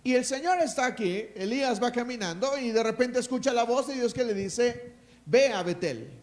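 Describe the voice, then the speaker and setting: A man with a Mexican accent delivers a sermon as pastor, his voice sitting high for a man. He preaches emphatically, drops into quiet asides and then rises to loud declarations, and he calls for responses from the congregation. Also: fairly quick.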